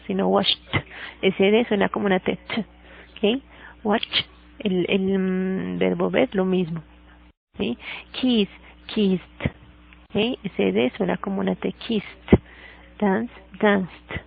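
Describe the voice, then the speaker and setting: A woman's voice: mid-range voice, vocal fry. A woman with a Colombian accent teaching an English grammar lesson, who explains each rule twice in two languages and keeps checking that students follow. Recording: tinny phone-like sound.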